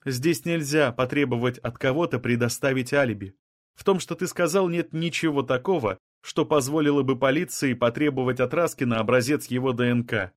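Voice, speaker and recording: A man's voice: mid-range voice, a little fast, dry recording, clean studio sound, pitched above the performer's own voice, natural voice. A male reader voicing an anxious, insistent woman scientist who keeps pressing with questions.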